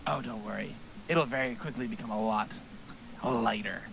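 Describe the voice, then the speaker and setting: A man voicing a brooding teenage male demon with a pyromaniac streak, in a low, flat, menacing mutter. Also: moderate pace, creaky, noisy background. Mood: sullen.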